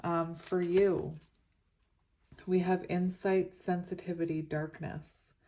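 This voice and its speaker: A woman's voice: lowish voice, little pitch movement, slow pace, dark tone. A woman with a slushy lisp from a retainer, giving a casual, meandering tarot reading in an informal, reflective way. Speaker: tarot reader.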